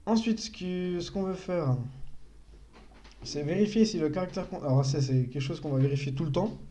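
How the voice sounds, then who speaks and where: A man's voice: a little high, normal speed, dark tone, slight background noise. A young man giving a casual live-stream coding tutorial, thinking aloud and correcting himself as he explains. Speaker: programming tutor.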